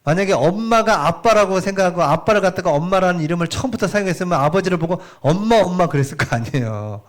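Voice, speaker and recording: Chatty middle-aged pastor. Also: male voice, high-pitched, fast talker. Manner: conversational, animated, asks the congregation questions. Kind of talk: sermon. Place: church sanctuary.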